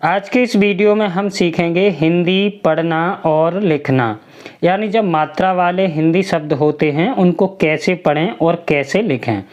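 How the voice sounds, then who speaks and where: A woman teaching a children's alphabet lesson, slowly sounding out each syllable and asking the listener to repeat it. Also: on the low side, darkish tone.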